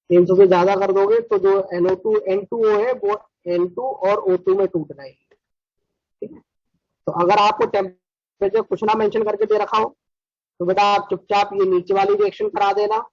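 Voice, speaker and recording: A man teaches a chemistry lecture with a high-pitched voice. He sounds brisk and scolding as he keeps pushing his students to answer quickly. The recording is dry and dull, with a lo-fi edge. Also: no echo.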